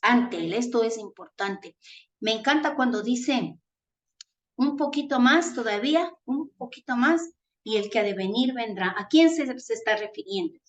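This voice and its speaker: A woman's voice: fairly high pitch, expressive, normal speed, dull audio. A woman from Ecuador preaching a sermon, earnest and tender, calling her listeners family. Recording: echoey room.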